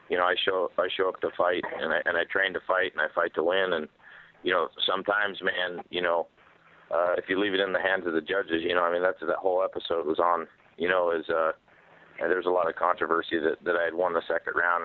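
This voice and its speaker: A man, a professional fighter, answering media questions on a phone conference call in a casual, halting, rambling way. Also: deep voice. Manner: rambling, halting, repeats phrases. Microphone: telephone. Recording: tinny, narrow phone conference line.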